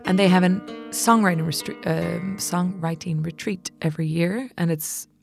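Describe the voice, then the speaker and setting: A woman with a West of Ireland accent tells her story casually. Her voice sits a little low, with some gravelly fry at the edges. She is animated in how she relays what was said, and music plays softly behind her. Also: normal speed. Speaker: musician and songwriting teacher.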